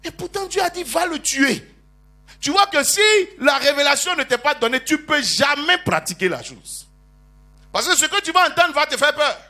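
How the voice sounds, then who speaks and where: A man preaching a sermon as bishop, calling on the congregation to answer amen, teasing them with jokes and rising to loud prophetic declarations. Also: very high voice, moderate pace, faint music behind. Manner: animated preaching with call-and-response.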